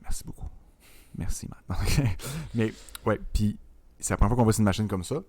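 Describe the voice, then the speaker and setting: A young man with a Quebec French accent, co-hosting a casual film podcast, animated and full of fillers, dropping in English words. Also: on the low side, moderate pace, no echo. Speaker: podcast co-host.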